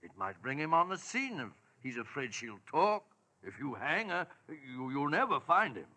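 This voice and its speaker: A man with a British accent playing a kindly, flustered gentleman doctor in 1940s radio drama, exclaiming and blustering. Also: mid-range voice, big pitch swings, normal speed. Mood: doubtful, concerned. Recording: old radio broadcast.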